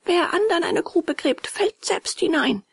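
A woman's voice: very high-pitched, animated, a little slow, vocal fry, no echo, voice pushed up, exaggerated voice. A woman voicing an earnest, remorseful wooden puppet boy in a storybook, talking eagerly and pleading.

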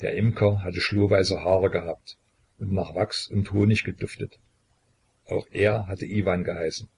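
A man reading a historical novel aloud as audiobook narration, in a steady, measured manner. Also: sits low, vocal fry, a little hiss or hum.

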